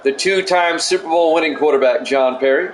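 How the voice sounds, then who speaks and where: A middle-aged man hosting a stream and calling simulated football plays in a measured, matter-of-fact way, with casual asides. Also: on the high side. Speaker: play-by-play announcer and stream host. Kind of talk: simulated football play-by-play commentary. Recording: echoey room with steady background noise.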